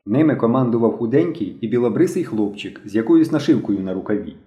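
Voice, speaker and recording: A man narrates an adventure story with a lively, rising and falling voice. His tone is mellow and warm. The reading sounds roomy, with a noticeable echo. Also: mid-range voice, fast. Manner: expressive storytelling. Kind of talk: audiobook narration.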